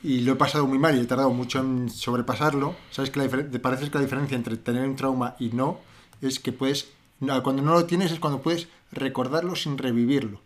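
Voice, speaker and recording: A man co-hosting a podcast, chatting casually and telling stories with mocking quoted voices. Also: medium pitch. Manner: fast, animated storytelling with mocking quoted voices. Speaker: podcast co-host. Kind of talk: casual chat.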